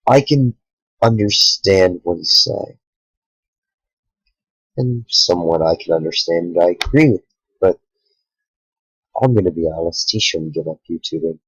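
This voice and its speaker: A tired young man talking earnestly to the camera late at night, a small YouTuber speaking in halting sentences with sighs. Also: deep voice, lively intonation, husky, no room sound, dull audio. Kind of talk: sincere direct-to-camera talk.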